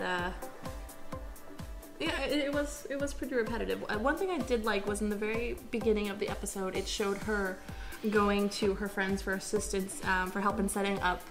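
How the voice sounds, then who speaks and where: A woman from Philadelphia co-hosting a casual podcast review, emphatic and full of hesitant fillers. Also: medium pitch. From Philadelphia, United States. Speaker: podcast co-host.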